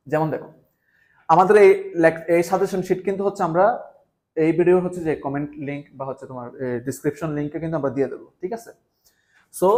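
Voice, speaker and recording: A man's voice: fairly high pitch, darkish tone. A man from Bangladesh giving an exam-prep lesson, talking straight to students and repeating key points with emphasis. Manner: repetitive, emphatic, addresses students directly. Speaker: exam tutor.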